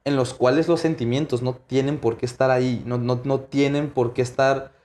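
A young Mexican man speaking bluntly in a casual chat, medium-pitched and slangy. He states firm opinions and keeps adding quick apologetic asides. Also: steady tone, darkish tone. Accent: Mexican Spanish.

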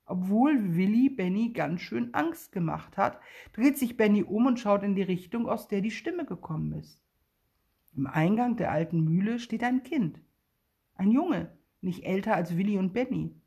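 Eine Frau liest eine Geschichte für Kinder vor, lebendig und mit viel Ausdruck. Ihre Stimme liegt in mittlerer Höhe und klingt leicht hauchig. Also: female voice, medium pitch, moderate pace, gravelly, husky. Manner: lively, expressive storytelling. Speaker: storyteller. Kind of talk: reading a children's story aloud.

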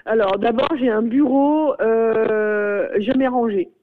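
A middle-aged woman, a school principal, speaks in a radio interview. She hesitates often and drops in lively exclamations. Her voice comes through narrow and phone-like. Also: on the high side, slow, slight background noise. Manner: hesitant, many fillers and exclamations.

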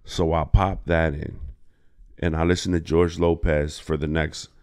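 On a laid-back podcast, a comedian guest spins exaggerated stories, loaded with slang and profanity and delivered with animated humor. His voice is very deep and smooth, and he takes his time.

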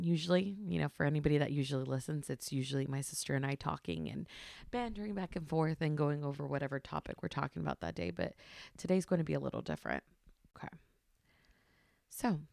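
A woman in her thirties talks on her podcast in a chatty, rambling way, full of fillers and restarts. She keeps her voice hushed at home, with a gravelly edge. The sound is close and dry. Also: low voice, dry recording. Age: 30s. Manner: hushed, trying not to be loud. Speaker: podcast host. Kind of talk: casual solo podcast monologue. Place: home at night.

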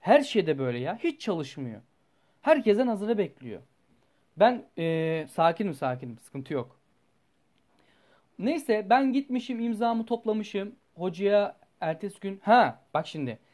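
A man's voice: high-pitched, a little slow. Young man ranting through a story. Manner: rambling and animated, swears freely. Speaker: student telling a personal story. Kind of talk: casual storytelling vlog.

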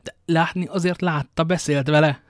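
A man's voice: a little high, fairly even intonation, no echo, studio quality, lightly acted. A man reading the lines of a twenty-year-old swordsman who questions a witness with agitation. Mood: questioning. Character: young male swordsman, twenty, rash and anguished.

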